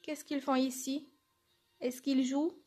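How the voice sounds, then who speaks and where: A woman's voice: sits high, flat delivery, slow, darkish tone, faint music behind. A woman teacher giving a lesson, explaining step by step and answering her own questions. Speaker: French teacher. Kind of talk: classroom lesson.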